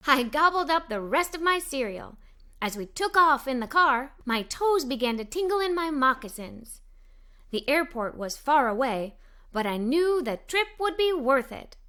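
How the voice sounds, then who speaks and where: Performing a scripted read-aloud for kids, a woman takes on the voice of a cheerful young girl narrator, reading expressively. She sounds high-pitched and sing-song at normal speed, with a sharp tone.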